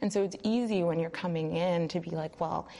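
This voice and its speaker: A woman's voice: fairly low pitch, brisk, dark tone. A woman explaining things casually in an interview.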